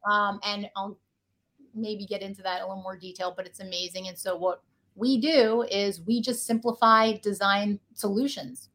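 A woman's voice: medium pitch, fairly bright tone. A woman guest talking casually in an interview, chatty and playful. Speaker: guest, talent acquisition executive.

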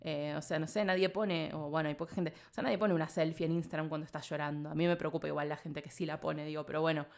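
A woman from Argentina with a fairly low voice speaks with a clear Argentine accent. She muses through her answers in a casual interview and strings her thoughts together with lots of filler phrases. An occasional laugh slips into her talk. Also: fairly even intonation, fast, few pauses. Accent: Argentine Spanish. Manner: rambling, thinks aloud with many filler phrases. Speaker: interview guest. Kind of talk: casual reflective conversation.

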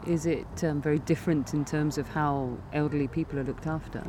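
A woman interviewer asking questions in a brisk, conversational way. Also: sits low, steady tone, warm tone, slight background noise.

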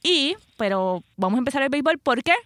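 A woman's voice: sits high, expressive, fast talker, fairly bright tone, no room sound. A Puerto Rican woman hosting a casual sports chat, emphatic and often repeating her phrases for weight. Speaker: sports podcast host.

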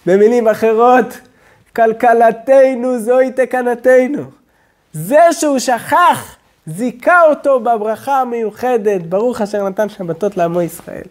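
A male rabbi giving a sermon, speaking slowly and deliberately and often dropping to a low, quiet tone. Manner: slow, deliberate preaching with sudden drops to a low hush.

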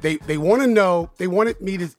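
A man's voice: high-pitched, normal speed, darkish tone, faint music behind. A man hosting a podcast, enthusiastic and joking, asking long rambling questions. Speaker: podcast host. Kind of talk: casual podcast chat.

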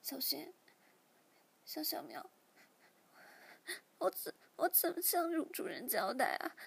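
A woman voicing a timid, tearful young woman who stammers hesitantly in a breathy voice. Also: high voice, sing-song, measured pace, a bit bright, heavily acted. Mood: anxious. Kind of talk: storytelling reading.

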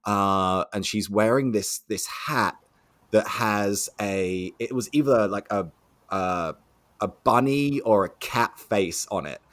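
Low-voiced man telling a story. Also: takes it slowly, dry recording. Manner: animated storyteller, acts out quoted voices. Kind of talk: storytelling conversation.

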